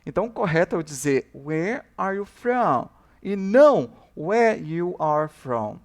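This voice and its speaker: A male English teacher works through a review lesson at an unhurried pace. He draws out each English model word slowly and often says it twice, then slips into lower, quicker asides between them. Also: very animated. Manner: slow, drawn-out English model words repeated for practice; explains in Portuguese, drops low and quick on asides. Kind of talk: recorded review class.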